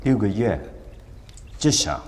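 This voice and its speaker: A man's voice: fairly low pitch, big pitch swings, slow pace, darkish tone, exaggerated voice. An actor playing a man who speaks in short, terse lines in a TV drama. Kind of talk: TV drama acting.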